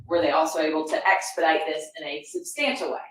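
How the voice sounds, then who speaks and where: A woman lawyer with a low voice asks brisk, formal questions that sound like they come through an echoing tube. Her voice sits far from the microphone, and the courtroom's heavy echo hangs on every word. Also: lively intonation, a bit bright, a little hiss or hum. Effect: sounds like talking through an echoing tube. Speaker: prosecutor. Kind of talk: direct examination of a witness. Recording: echoey courtroom audio from a distant mic.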